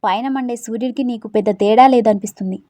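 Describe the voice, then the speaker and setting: A woman voicing a group of anxious young female friends who call out loudly and fret. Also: fairly high pitch, quick pace, no room sound, clean studio sound, close to an everyday voice. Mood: fretful, loud. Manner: loud, fretful.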